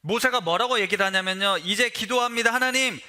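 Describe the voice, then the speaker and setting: A man preaches a sermon in a high, ringing voice with a very bright, forceful edge. He talks with his congregation more than at them and keeps asking them questions. His tone is that of a pastor leading a sermon. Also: animated, normal speed.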